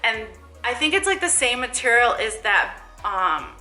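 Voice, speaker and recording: A woman's voice: a little high, sing-song, normal speed, bright, forceful tone, reverberant, soft background music, poor audio. A young woman and hair stylist chatting casually through a home tutorial, rambling with lots of fillers and asides, a bit out of breath.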